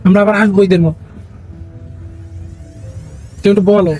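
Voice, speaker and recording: A young man, a father filming a casual family vlog, talking in a gentle, coaxing, reassuring way on a train. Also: sits high, steady tone, normal speed, husky, soft background music. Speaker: father and vlogger. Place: inside a moving train.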